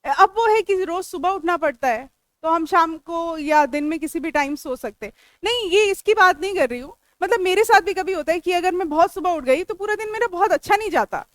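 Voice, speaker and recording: A woman's voice: extremely high pitch, animated, moderate pace, fairly bright tone, no echo. A woman with an Indian accent, teaching English grammar to a classroom, explaining step by step and quizzing her students. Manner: chatty and joking with students. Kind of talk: classroom lecture.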